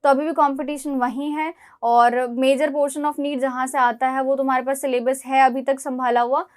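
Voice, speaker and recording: A woman's voice: high voice, little pitch movement, moderate pace. A young woman from India giving direct, scolding yet encouraging study advice to exam students. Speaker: exam prep mentor.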